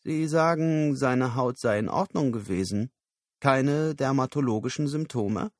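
A man's voice: medium pitch, a little slow, dry recording, clean studio sound, close to an everyday voice. A man voicing a prim female executive who asks pointed questions. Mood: questioning.

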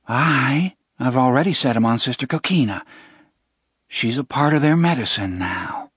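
A man's voice: medium pitch, expressive, moderate pace, fairly bright tone, breathy edge, no echo, clean studio sound, voice pushed up. A man doing a defiant young woman. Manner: archaic old-fashioned phrasing.

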